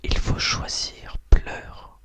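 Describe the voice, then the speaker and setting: The host of talk and poetry readings is a woman using a hushed, breathy ASMR whisper. She never rushes, and her words come out hesitantly.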